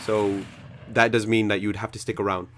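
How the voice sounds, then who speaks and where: A man's voice: fairly low pitch, level tone, brisk, noisy background. A man hosting a live game tournament stream, chatting casually with viewers, rambling with many fillers and self-corrections. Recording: game music playing behind.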